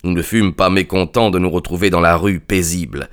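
Male audiobook narrator, deep-set voice, measured literary reading. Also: fairly even intonation, clear, resonant tone. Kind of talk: scripted narration.

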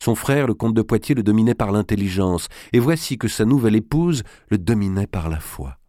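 A man reading a historical novel aloud as narrator, in a measured, dramatic storytelling manner. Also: lowish voice, animated, dark tone, no room sound, studio quality.

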